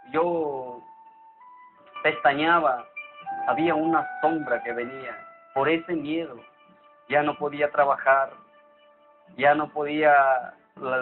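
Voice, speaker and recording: A man giving an earnest, halting personal testimony. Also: medium pitch. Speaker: church member giving testimony. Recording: tinny phone-like sound with music behind.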